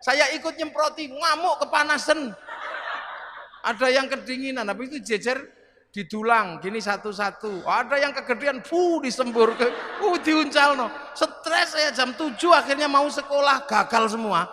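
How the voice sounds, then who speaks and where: Middle-aged man, Javanese accent, animated comic sermon, echoing hall, faint noise. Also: very high voice, normal speed. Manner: animated, jokey, acts out voices. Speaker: preacher. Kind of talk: humorous sermon storytelling.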